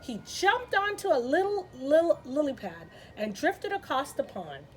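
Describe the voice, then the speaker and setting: A woman with a high, very animated voice hosts children's story time, reading a picture book expressively without hurrying and adding chatty asides. The audio is poor, with a slight hiss or hum.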